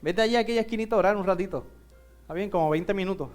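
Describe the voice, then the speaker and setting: A man's voice: sits high, very fast, soft background music. A man with a Puerto Rican Spanish accent preaching a sermon as pastor, telling a Bible story while directing volunteers who act it out. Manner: animated storytelling, acting out a Bible scene with volunteers.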